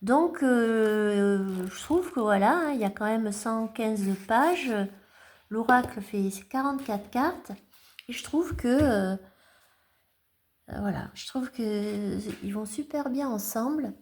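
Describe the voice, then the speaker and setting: Slow, mellow-voiced woman vlogging. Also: fairly high pitch, animated. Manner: hesitant, many fillers and restarts. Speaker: tarot collector vlogger. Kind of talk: casual show-and-tell vlog. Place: at home.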